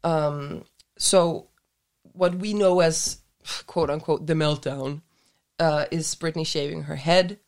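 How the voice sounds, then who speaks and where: A woman's voice: low-pitched, steady tone, slow, a little mellow. A woman co-hosting a podcast, chatting casually in a rambling, giggly way and swearing freely. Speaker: podcast co-host.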